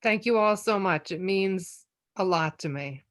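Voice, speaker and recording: School nurse lady, heartfelt and warm, laughs easy, on a video call. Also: mid-range voice, measured pace. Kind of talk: thanking a board on a video call.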